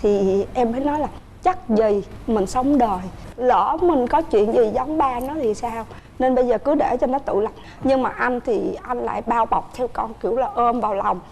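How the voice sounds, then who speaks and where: A woman with a Southern Vietnamese accent speaks as a guest on a talk show, earnestly recounting a family story at length. Her voice is somewhat high and mellow. Faint background noise sits under her voice. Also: normal speed, gravelly. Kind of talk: casual chat.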